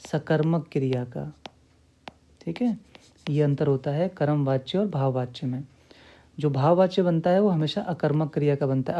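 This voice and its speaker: A man's voice: fairly high pitch, dark tone, lo-fi sound. A man teaching a grammar lesson, repeating key points and asking and answering his own questions while checking in often with the listener.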